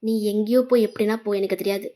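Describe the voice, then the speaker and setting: A woman's voice: mid-range voice, fairly even intonation, very fast, mellow, lightly acted. A woman voicing a hurt, angry young woman who scolds her boyfriend with sarcasm in a fan fiction voice-over. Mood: bitter. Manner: bitter, sarcastic.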